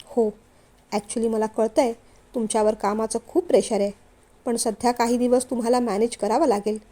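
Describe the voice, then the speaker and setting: A woman voicing a polite, gentle young man who is a company director, in a storybook reading. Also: fairly high pitch, steady tone, fairly quick, pitched below the performer's own voice, close to an everyday voice.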